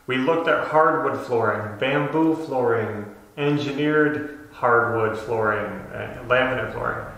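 In a very echoey empty bedroom under renovation, a man in his thirties casually explains things to camera as a home renovation vlogger. His medium, slightly bright voice moves at a measured pace, and the recording sounds muffled.

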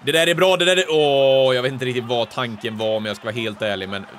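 Guy commentating his hockey game, gets loud n excited on chances, mid voice. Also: mid-range voice, slight background noise. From Sweden. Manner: excitable, shouts at big plays. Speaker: gaming YouTuber. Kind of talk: live gameplay commentary.

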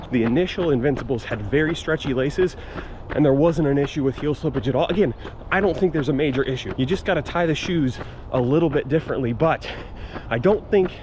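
American man talking while running, noisy outdoors. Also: medium pitch. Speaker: running vlogger. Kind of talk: casual vlog chat to camera. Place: outdoors on residential and downtown streets. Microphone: action camera held at arm's length. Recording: clear outdoor street and traffic noise.

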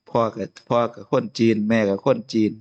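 An abbot with an Isan Lao accent gives an informal, chatty Dharma talk, chuckling often. His mid-range voice has a darkish tone, and the highs are cut off.

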